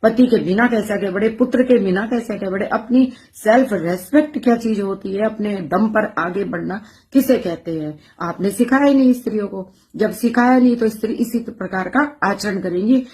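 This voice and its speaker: A woman educator speaking passionately in a monologue, forceful and rhetorical, repeating her phrases for emphasis. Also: medium pitch, moderate pace. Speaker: educator and social media speaker. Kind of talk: impassioned monologue to camera.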